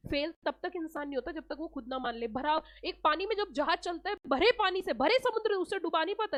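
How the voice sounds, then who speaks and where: Casting: high-pitched woman, exam coach, earnest and emphatic, repeats herself for effect. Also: fairly bright tone. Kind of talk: motivational talk to students.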